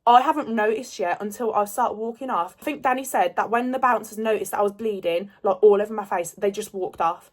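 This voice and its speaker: A woman's voice: mid-range voice, fairly quick, hardly any pauses. A woman telling a rambling storytime vlog in casual chat, swearing freely. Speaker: storyteller vlogger.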